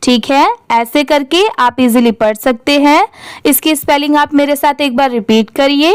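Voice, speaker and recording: A woman teaches reading in a high, clear voice, spelling each word out slowly letter by letter. She puts questions to her class and answers them herself. The sound is close and dry, with no room echo.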